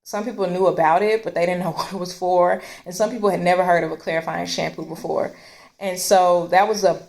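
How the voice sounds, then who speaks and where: A woman's voice: on the low side, steady tone, brisk, vocal fry, darkish tone. A woman hosting a casual hair care chat, explaining her advice in a conversational way. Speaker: host.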